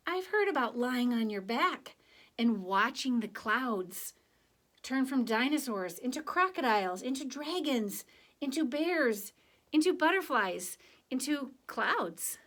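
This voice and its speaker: A woman reads a children's picture book aloud in a voice that sits high, phrasing things deliberately and expressively and adding conversational asides for her young listeners.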